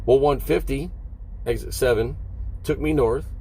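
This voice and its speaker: A male long-haul trucker sits in his parked cab, talking to viewers in a relaxed, stop-and-start way as he explains things and throws in short questions. His voice is medium in pitch, dark and a little breathy, and the low-quality recording carries vehicle noise in the background.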